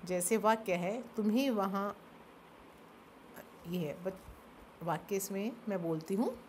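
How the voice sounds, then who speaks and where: A woman's voice: mid-range voice, slow pace, darkish tone, slight background noise. A woman teaching a grammar lesson, explaining step by step and asking and answering her own questions. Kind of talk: classroom-style grammar lesson.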